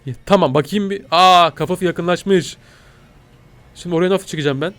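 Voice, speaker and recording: A young man commentating a game he plays, panicking, shouting and laughing in mock fear. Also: high voice, moderate pace, dry recording, faint music behind. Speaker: gaming YouTuber. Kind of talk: excitable gameplay commentary.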